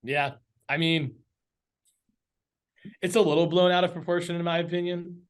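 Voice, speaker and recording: A man whose voice is a little high and smooth joins a podcast by video call as a guest. He runs an agency and talks in a casual, earnest, animated way, laughing readily.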